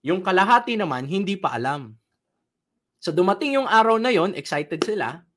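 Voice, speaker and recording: A man's voice: high-pitched, sing-song, moderate pace, fairly bright tone. A man leading an online training session, telling a story, asking the audience questions and laughing at his own tale.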